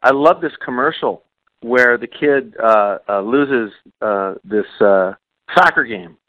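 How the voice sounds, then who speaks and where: A man's voice: mid-range voice, slow, bright, forceful tone, no echo, highs cut off. A man co-hosting a podcast about coaching and parenting, talking earnestly and repeating key phrases for emphasis. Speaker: podcast co-host. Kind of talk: podcast conversation.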